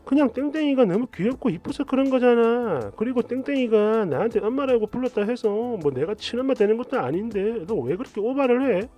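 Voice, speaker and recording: A pushy, possessive young woman friend, her voice pitched high and loud as she insists on getting her way, put on by a male narrator. She swings wide in pitch, demanding and shrill. Faint music plays underneath. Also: expressive, fairly quick, few pauses, dull audio. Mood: defensive.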